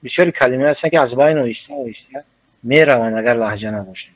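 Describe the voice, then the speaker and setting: A man with a Tajik accent, a journalist answering in a radio interview, speaking slowly and deliberately as he explains. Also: medium pitch. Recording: muffled radio recording.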